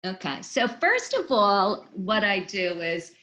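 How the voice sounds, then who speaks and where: A woman's voice: mid-range voice, slow pace. A woman teaching laughter yoga as an interview guest, explaining with energy and demonstrating as she goes. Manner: energetic, instructive, with bursts of laughter. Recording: echoey room.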